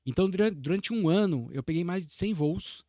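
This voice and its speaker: Brazilian guy in his 40s, kinda high voice, chatty and meandering, super dry close sound. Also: lively intonation, a little fast, mellow, dry recording. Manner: reflective, meandering storytelling with many restarts. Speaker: podcast guest. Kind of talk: casual interview conversation.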